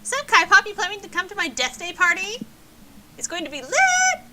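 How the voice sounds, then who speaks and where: A giddy, death-obsessed ghost girl, put on by a woman who squeals her lines high and loud. The pitch leaps all over the place. Noisy stream audio sits behind her. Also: huge pitch swings, normal speed, heavily acted. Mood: hyper. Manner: squealing, hyper, exclamatory. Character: bubbly, morbid party-girl ghost.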